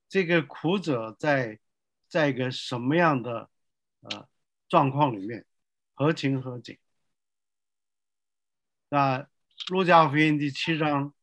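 An older male pastor preaching a sermon slowly and emphatically, asking the listeners rhetorical questions. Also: a little high, a bit bright, no echo.

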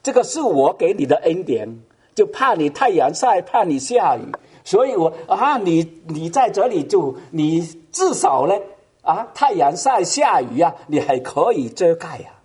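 A man voicing Jesus gently consoling a believer in a retold dream, speaking slowly and tenderly. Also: sits high, big pitch swings, husky, exaggerated voice.

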